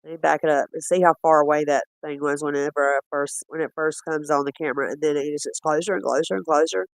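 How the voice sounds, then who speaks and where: A man chatting casually while reviewing footage, rambling and quick to laugh. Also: a little high, steady tone, vocal fry, no echo. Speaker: cryptid-hunting streamer.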